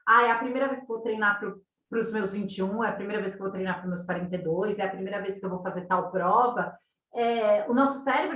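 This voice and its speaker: Brazilian woman coaching with roomy echo. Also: a little high. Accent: Brazilian Portuguese. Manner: conversational, tags sentences with questions, acts out quoted thoughts. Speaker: running coach. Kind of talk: online masterclass talk. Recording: roomy echo, distant from mic.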